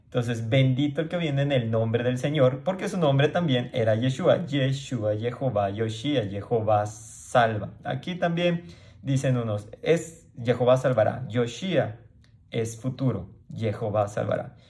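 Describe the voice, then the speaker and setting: Man, Bible teacher, casual explanatory delivery with frequent check-ins, mid-pitched voice. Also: a little slow, a little mellow. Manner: conversational, frequent "¿sí?" checks, restarts; acts out crowd voices in quoted lines.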